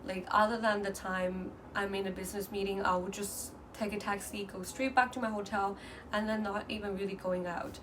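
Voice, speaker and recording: A woman from mainland China, a native Mandarin speaker, records a casual personal vlog in a mid-range, steady voice. She sounds distant on a far-off mic with clear background noise, and her delivery is earnest and halting, with frequent restarts.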